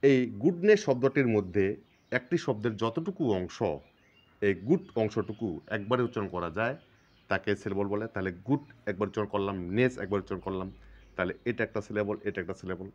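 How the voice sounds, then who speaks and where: A Bangladeshi man teaches a grammar lesson, and his pitch rises and falls widely as he goes. He explains patiently, one step at a time, and repeats each term. The recording sounds dull and lo-fi. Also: lively intonation. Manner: explains step by step, repeats terms, stretches words slowly to show syllables.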